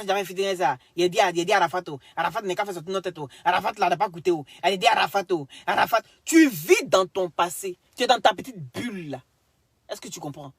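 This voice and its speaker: A woman ranting at someone in a clash video, scolding and insulting, swinging between loud outbursts and mutters, with bits of broken English. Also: medium pitch, slightly rough, no room sound. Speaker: social media commentator.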